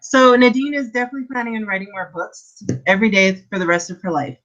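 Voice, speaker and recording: A woman's voice: mid-range voice, quick pace, a bit bright, muffled recording. A woman in her thirties from Canada, co-hosting a casual book club live stream, chatty and rambling, with self-deprecating asides. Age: 30s.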